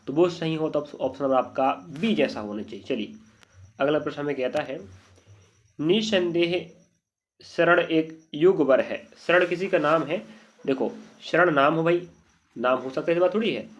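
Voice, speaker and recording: A man's voice: on the high side, brisk. Man teaching a spelling lesson, lo-fi. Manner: repeated checking questions to students. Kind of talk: exam-prep Hindi spelling lesson. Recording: dull lo-fi audio.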